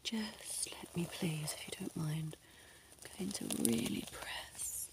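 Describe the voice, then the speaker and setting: A woman's voice: sits low, slow. Woman playing a flirty doctor, whispered role-play right in the ear. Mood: hushed, focused. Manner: coy, playfully bossy. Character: flirty, teasing female doctor giving a check-up.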